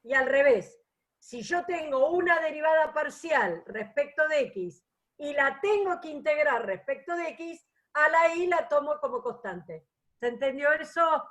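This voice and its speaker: High-voiced woman teaching math. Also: expressive, a little slow, a bit bright. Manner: patient, explanatory, checks for understanding. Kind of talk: online class lecture.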